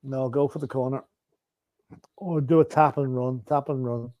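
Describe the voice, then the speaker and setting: Male co-host, mellow tone, plain play-by-play, dry sound. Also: mid-range voice, fairly even intonation, moderate pace, dry recording. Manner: matter-of-fact play-by-play. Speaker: stream co-host. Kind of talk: casual live match commentary.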